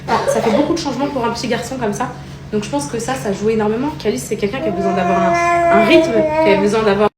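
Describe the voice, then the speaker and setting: A young woman vlogging casually at home. She talks in a chatty, rambling way and gently coaxes her child. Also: fairly high pitch, quick pace, a loud crowd. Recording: echoey room, distant mic, noisy.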